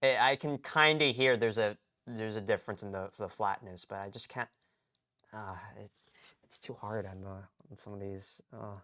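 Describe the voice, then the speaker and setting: A man's voice: fairly low pitch, normal speed, pushed and bright. A man chatting on a late-night live stream, rambling in slang and often cutting himself off mid-sentence. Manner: rambling, slangy, self-interrupting.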